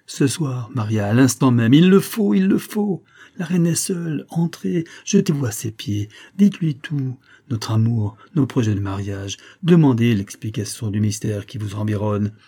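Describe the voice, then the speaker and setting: A man's voice: on the low side, lively intonation, normal speed, hardly any pauses, warm tone, slightly rough. A man reading the lines of an ardent young officer in an urgent, impassioned way. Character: ardent young male officer, passionate suitor.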